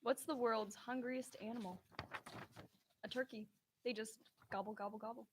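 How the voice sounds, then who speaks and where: A woman's voice: on the high side, fairly even intonation, moderate pace, a little hiss or hum. A woman trading dad jokes as a contestant, giving short setups and punchlines. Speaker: joke contestant.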